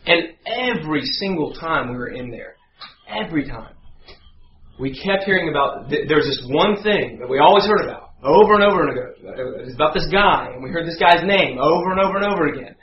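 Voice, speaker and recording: A man telling a lively story in a sermon, acting out voices and sound effects as he goes. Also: on the high side, brisk. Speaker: guest preacher. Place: church sanctuary. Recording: echoey church, dull sound, faint hum.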